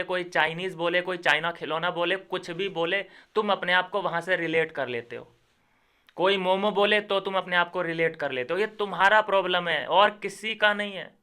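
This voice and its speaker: Young male YouTuber, bright crisp voice, sarcastic lecturing rant. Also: high voice. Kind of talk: ranting commentary video.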